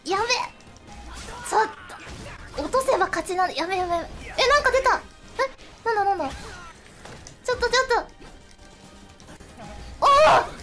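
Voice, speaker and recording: A woman streaming a fighting game, chatting casually, often laughing and yelping excitedly as she plays, with game music behind her. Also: extremely high pitch, quick pace, pauses often. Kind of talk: casual game livestream chat.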